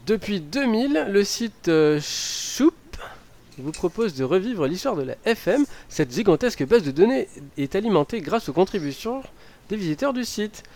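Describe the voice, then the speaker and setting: A man's voice: high voice, sing-song, normal speed, a little mellow. A man co-hosting a radio show, presenting listings in a casual way.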